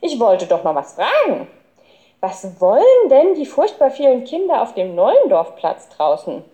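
A cheerful little girl chatters in a chirpy, raised voice, as a woman reading a storybook puts her on. Her pitch hops around brightly. The underlying tone stays soft and mellow. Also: wildly swooping pitch, unhurried.

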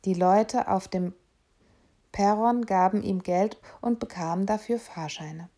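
A woman narrating a children's novel aloud in a steady, expressive storytelling manner. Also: mid-range voice, a little slow. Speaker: reader.

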